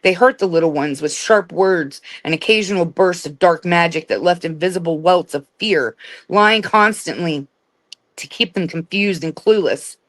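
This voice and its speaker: A woman reading a dark fairy tale aloud as a storyteller, stumbling and restarting words now and then. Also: fairly low pitch, normal speed, dry recording. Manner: reads with slips and restarts. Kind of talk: read-aloud storybook narration.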